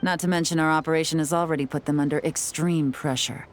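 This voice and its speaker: Playing a calm, collected female secret agent in a game cutscene, a woman speaks with measured, quietly confident poise. Her voice is low-pitched and natural, with a little hiss or hum in the recording.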